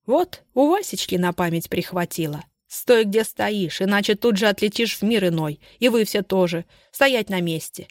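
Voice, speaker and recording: A woman reading aloud, voicing a hysterical, scheming society woman who turns out to be the thief, with a shrill, venomous manner. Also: animated, normal speed, few pauses, no echo, lightly acted.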